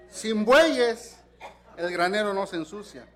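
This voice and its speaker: A middle-aged man preaching, his voice sitting notably high. He tells stories animatedly, jumping into character voices and stumbling over repeated words as he goes. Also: animated, takes it slowly. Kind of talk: sermon.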